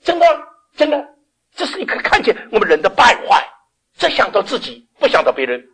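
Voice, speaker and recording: An older man preaching a sermon, often asking the congregation questions and laughing as he swings between loud and quiet. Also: high voice, huge pitch swings, brisk, husky.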